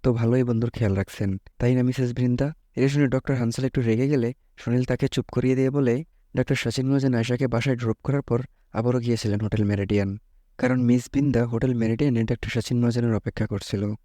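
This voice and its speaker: Mellow man retelling a movie plot. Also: mid-range voice, steady tone, quick pace, no room sound. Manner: chatty, with joking asides. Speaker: movie recap narrator.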